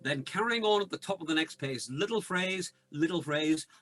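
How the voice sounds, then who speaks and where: A man, slightly croaky, leading a choir rehearsal, chatting, joking and singing short phrases to show how. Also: a little high, expressive, normal speed. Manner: chatty, encouraging, joking asides, sings demonstration phrases. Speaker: choir director. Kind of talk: online choir rehearsal coaching. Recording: piano music loud behind voice. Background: piano.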